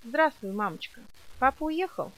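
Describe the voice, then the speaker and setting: A woman's voice: sits high, lively intonation, moderate pace, a bit bright, pitched above the performer's own voice, poor audio. A woman reading an audiobook and voicing a willful, defiant young girl who explains herself with stubborn childish logic.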